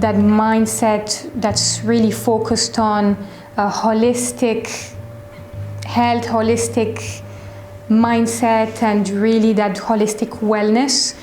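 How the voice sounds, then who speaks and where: A woman in her twenties with a French accent, a shop owner answering interview questions in a reflective way, often pausing and restarting. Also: fairly high pitch, a little mellow, a little hiss or hum. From France. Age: 20s. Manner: reflective, hesitant with fillers and restarts. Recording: echoey room.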